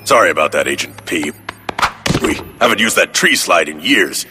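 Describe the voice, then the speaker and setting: An actor playing a stiff, earnest spy-agency commander in a cartoon briefing. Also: male voice, sits low, animated, normal speed. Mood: earnest, official. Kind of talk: cartoon voice acting. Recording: loud music behind the voice.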